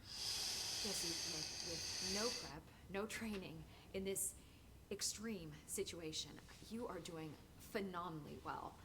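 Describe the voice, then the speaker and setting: An earnest, chatty young research scientist in a video game, her voice sitting on the low side. She stumbles a little as she explains things, and a loud steady noise runs underneath the game audio. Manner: earnest, chatty, slightly halting.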